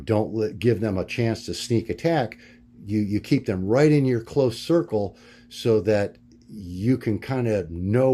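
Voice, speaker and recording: Halting man rambling to his camera. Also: dark tone. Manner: halting, many fillers and restarts, loses his words; acts out quoted voices in a much higher pitch. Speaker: vlogger. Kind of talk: rambling personal video diary.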